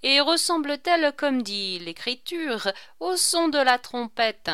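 A woman's voice: sits high, lively intonation, takes it slowly, a bit bright, no echo, clean studio sound, voice pushed up, heavily acted. A woman reading aloud, voicing a sly, mocking male court jester who teases with ironic questions.

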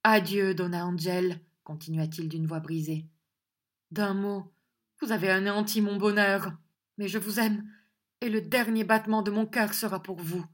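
A woman's voice: mid-range voice, steady tone, measured pace, natural voice. A woman voicing a tender young nobleman, speaking in earnest, courtly lament. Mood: grieving.

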